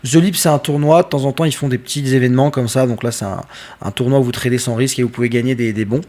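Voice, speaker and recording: A man talks viewers through trading software in a relaxed screen-share tutorial. He speaks at a middle pitch and keeps it casual and direct, with plenty of fillers as he goes. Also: quick pace. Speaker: trading educator.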